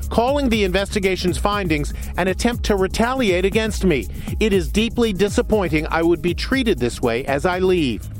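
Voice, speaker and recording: An American man narrating a scripted tabloid TV news report with the dramatic delivery of a tabloid host. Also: high voice. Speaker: TV news correspondent. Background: background music.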